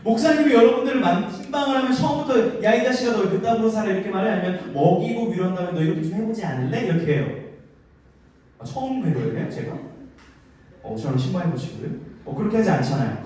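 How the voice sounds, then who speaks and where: A man in his thirties giving a lively youth sermon, acting out voices and leading the room in call-and-response. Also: high-pitched. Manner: animated, acts out voices and leads call-and-response. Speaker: youth pastor. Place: church hall, live service. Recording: very echoey hall, mic from a distance.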